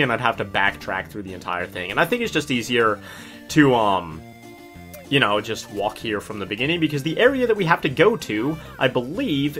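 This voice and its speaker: A man's voice: mid-range voice, a bit bright. A young man giving casual, rambling game commentary in an informal manner. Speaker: gaming host.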